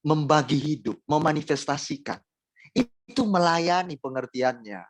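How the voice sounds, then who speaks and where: A man's voice: fairly high pitch, animated, a little slow, no echo, rough recording. A man preaching a sermon in an Indonesian accent, speaking straight to the congregation with rhetorical questions and emphatic repetition. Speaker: pastor.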